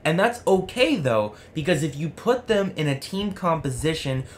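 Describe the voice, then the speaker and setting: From a small room at home decorated with jerseys, a man in his twenties hosts a sports vlog, talking at a moderate pace in a fairly high, sing-song voice. He argues with himself in an earnest, explanatory, conversational manner, and noticeable room noise comes through.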